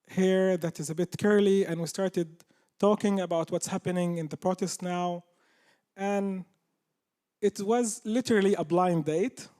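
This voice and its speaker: A man's voice: high voice, mellow. A man, telling a humorous personal story to a live audience. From Palestine. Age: 30s. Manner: humorous, anecdotal. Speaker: speaker at a live talk.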